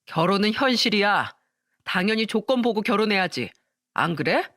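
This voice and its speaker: A man's voice: high-pitched, sing-song, normal speed, pushed and bright, no room sound, clean studio sound, heavily acted. A man voicing a sneering, status-obsessed man in his thirties. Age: 30s. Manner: sneering and condescending. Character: calculating, contemptuous man in his late thirties. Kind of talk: scripted audio drama.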